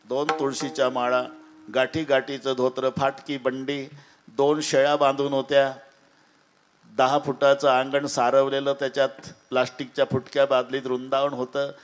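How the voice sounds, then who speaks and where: A man's voice: medium pitch, completely flat delivery, moderate pace. A man preaching a devotional kirtan sermon, telling stories dramatically and acting out voices. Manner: dramatic storytelling with acted voices.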